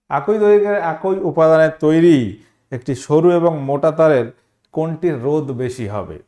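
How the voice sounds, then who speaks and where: A man's voice: fairly high pitch, a little mellow. A man teaching an exam-prep science lesson, explaining step by step, repeating key terms and asking the students questions.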